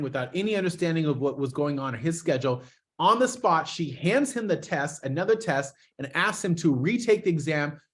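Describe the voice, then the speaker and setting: Earnest man giving a story-led talk. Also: on the high side. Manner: earnest, acts out the people in his story; emphatic, builds to stressed points. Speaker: guest speaker to college students. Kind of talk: educational speech with personal storytelling.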